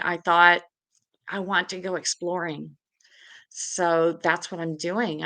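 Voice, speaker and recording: A middle-aged woman from the Czech Republic, a guest on a podcast. Her voice is bright and crisp, and she tells her story in a lively, chatty way. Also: medium pitch. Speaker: guest, suicide prevention advocate. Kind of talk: podcast interview.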